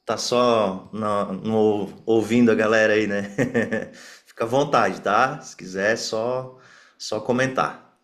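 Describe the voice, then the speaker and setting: Relaxed low-voiced man hosting a meeting. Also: takes it slowly. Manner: relaxed, informal, inviting others to speak. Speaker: meeting host. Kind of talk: casual online group meeting.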